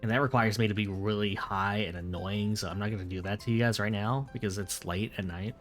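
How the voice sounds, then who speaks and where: A man with a fairly low voice chats casually on a late-night stream. He rambles, restarts his sentences and corrects himself as he answers viewers. Soft music plays faintly behind him. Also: fairly even intonation, brisk.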